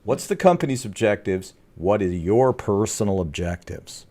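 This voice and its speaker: A man with a lowish voice co-hosts a business podcast in an easy conversational way. He gets animated and now and then drops into playful put-on to make a point. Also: moderate pace. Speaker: podcast co-host, agency owner. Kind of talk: casual podcast chat.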